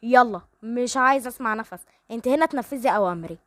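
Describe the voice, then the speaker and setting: A woman's voice: fairly high pitch, fast, a bit bright, no echo, clean studio sound, close to an everyday voice. A woman voicing an angry, bossy young man in a wheelchair, with an Egyptian Arabic accent. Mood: indignant. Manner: snapping and bossy.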